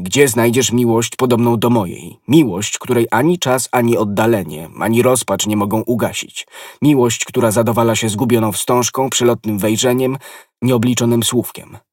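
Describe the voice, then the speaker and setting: A man's voice: medium pitch, a little mellow, no room sound, clean studio sound, recorded from a distance, close to an everyday voice. A man reading an ardent lovesick nobleman. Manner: passionate, impassioned declarations. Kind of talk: audiobook character reading.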